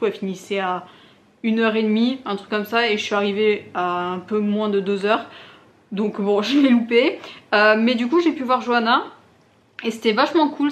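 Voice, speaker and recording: A young woman vlogging in a casual, chatty way, full of fillers and restarts. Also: on the high side. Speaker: booktube vlogger. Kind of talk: casual chat to camera.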